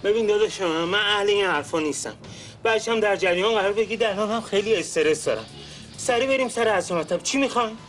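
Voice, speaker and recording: A man's voice: high-pitched, fairly bright tone, soft background music. A jumpy young guy searching for his brother. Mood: nervous. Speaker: actor in TV drama. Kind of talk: Persian TV series acting.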